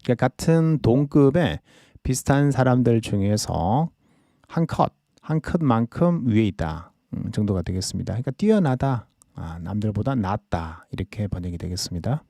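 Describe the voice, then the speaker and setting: A male teacher walks listeners through idioms at an unhurried pace. His voice is mellow and low, with a lively rise and fall. The sound is dry and close. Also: creaky, dry recording. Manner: explains idioms slowly, switching to careful English readings. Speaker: English teacher. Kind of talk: podcast English lesson.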